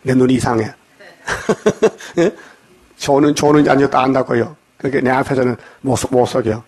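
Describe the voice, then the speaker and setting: A man preaching a dawn sermon, reading verses and scolding his listeners, often checking in with a quick "eh?". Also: medium pitch, little pitch movement, a little mellow. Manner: scolding, jokes at the congregation. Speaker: pastor. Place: church.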